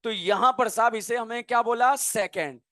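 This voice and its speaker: High-voiced playful male chemistry teacher. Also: normal speed, a bit bright, no room sound, studio quality. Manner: playful, quizzes students with call-and-response questions. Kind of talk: energetic classroom lecture.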